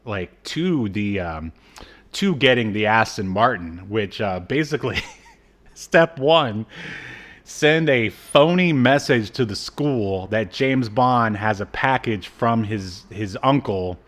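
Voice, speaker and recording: A podcast co-host with a lowish, fairly bright voice talks slowly and expressively. He recaps a cartoon in a casual comedic chat, sardonic and jokey throughout.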